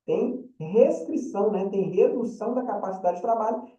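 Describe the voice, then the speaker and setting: A man's voice: high voice, moderate pace, warm tone. Brief: male lawyer-lecturer, conversational, distant dull-sounding recording. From Brazil. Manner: chatty, keeps checking in with the audience. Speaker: lawyer teaching a short course. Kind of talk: informal lecture. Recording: dull, roomy, distant mic.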